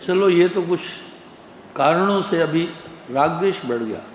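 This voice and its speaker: This sermon comes from a man acting as spiritual teacher, his voice a little high and his pace unhurried as he tells funny, relaxed stories. A faint hiss or hum sits under the long reverb of an echoey hall.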